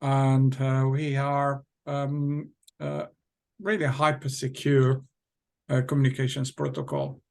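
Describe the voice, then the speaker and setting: A man's voice: medium pitch, little pitch movement, takes it slowly, vocal fry, darkish tone. A middle-aged man with a Portuguese accent, a company founder talking casually as an interview guest, hesitant with many fillers and restarts.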